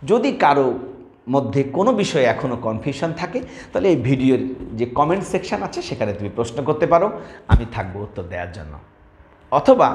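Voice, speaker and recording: A man teaching a grammar lesson, explaining step by step and asking students to say words aloud. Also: a little high. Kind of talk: classroom video lesson. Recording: echoey room.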